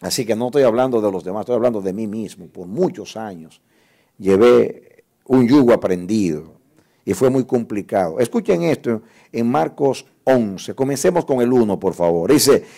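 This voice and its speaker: Gravelly-voiced man preaching a sermon. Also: lowish voice, expressive, moderate pace. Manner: emotional testimony, repeats words, rises to loud scripture reading. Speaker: guest pastor.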